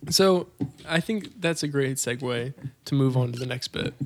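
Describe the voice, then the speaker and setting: A young man co-hosting a casual comedy podcast, laughing often as he pitches sketch ideas. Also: moderate pace. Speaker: podcast co-host.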